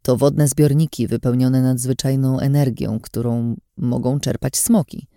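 A woman voicing a young man, a worried friend who speaks quietly and calmly. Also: very deep voice, a little slow, no echo, studio quality. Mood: concerned. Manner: quiet, calm, concerned.

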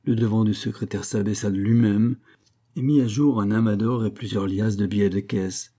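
Man reading a novel aloud, husky dark tone, steady and even. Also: lowish voice, moderate pace. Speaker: audiobook narrator. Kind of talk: scripted audiobook narration.

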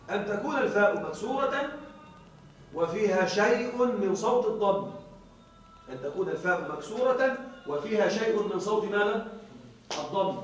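Man, teacher, high voice, distant mic, repeats himself, checks students follow. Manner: explains slowly, repeats key words, checks "are you with me?". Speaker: grammar teacher. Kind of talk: classroom lecture. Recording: very echoey room, voice far from mic.

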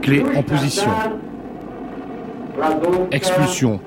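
A man's voice: a little high, lively intonation, slow pace. A man playing a ground controller calling the countdown over a noisy, distant radio link in clipped procedural phrases. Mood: measured. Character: calm male launch controller on the radio. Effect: over a crackly radio link.

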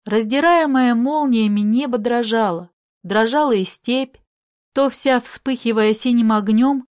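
A woman narrating a literary story in a measured, expressive reading style. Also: on the high side.

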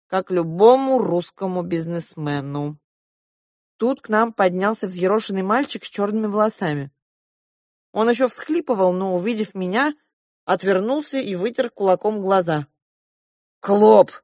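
Woman, audiobook narrator, calm storytelling, mid pitch, dry close mic. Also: moderate pace, no echo. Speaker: audiobook reader. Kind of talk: first-person storybook narration.

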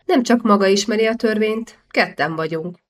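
With a mid-range voice and light acting, a woman reads the lines of a bold young man who angrily rebukes a cheating official. The delivery is indignant, a cutting and righteous rebuke.

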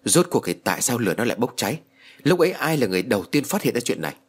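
A man voicing a calm, firm elder uncle who takes charge. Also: mid-range voice, very fast, breathy edge. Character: elder uncle, calm authoritative family head.

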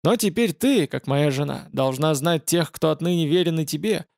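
A man's voice: on the high side, normal speed, gravelly, darkish tone, dry recording, studio quality. A man voicing a young male warrior king, speaking fervently and dismissively.

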